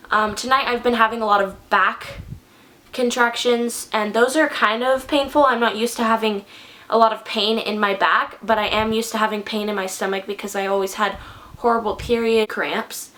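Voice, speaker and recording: A woman's voice: a little high, fairly bright tone. A young pregnant woman giving a casual, chatty vlog update to her viewers, filling her talk with "like". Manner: chatty, with frequent "like" fillers. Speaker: vlogger.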